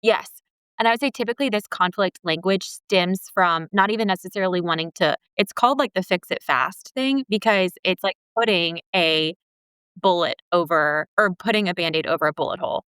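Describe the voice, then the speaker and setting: Chatty young woman counselor, smooth voice. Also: fairly low pitch, a little fast, dry recording. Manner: animated, fills speech with "like". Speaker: podcast co-host and couples counselor. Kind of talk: casual podcast chat.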